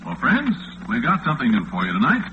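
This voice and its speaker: A man playing a chatty, folksy overnight radio disc jockey with an American accent, in a casual, halting old-time radio drama style. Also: mid-range voice, wildly swooping pitch. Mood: breezy announcing. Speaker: late-night radio host. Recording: muffled, noisy vintage radio recording.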